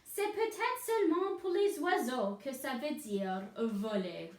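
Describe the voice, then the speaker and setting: A small, playful bird, voiced by a woman reading to children in a storybook. The pitch is high, and the room adds a clear echo. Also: lively intonation, slow, a little hiss or hum. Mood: chirpy. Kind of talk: picture book read-aloud.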